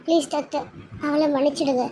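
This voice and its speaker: A woman's voice: high voice, steady tone, fairly quick, dark tone, slight background noise, close to an everyday voice, poor audio. A woman voicing a fussing, doting cartoon mother. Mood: anxious consoling. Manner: fussing, consoling, apologetic. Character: anxious, doting middle-aged mother. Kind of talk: cartoon serial voice acting.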